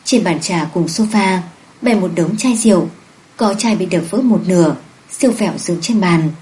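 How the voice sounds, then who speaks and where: A woman reading a romance novel aloud in steady, even scripted narration. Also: on the low side, moderate pace, low-quality recording. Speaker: audiobook narrator.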